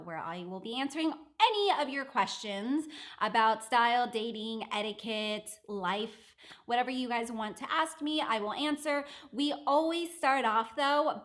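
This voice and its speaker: A woman's voice: a little high, fairly bright tone. A young woman hosting a live stream from an office, upbeat and laughing often. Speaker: host.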